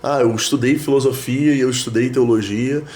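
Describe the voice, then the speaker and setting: A priest, talking reflectively in a casual interview, with many fillers and restarts. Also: male voice, medium pitch, fairly even intonation, brisk, a little mellow. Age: 30s. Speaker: priest, guest. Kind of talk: casual conversation.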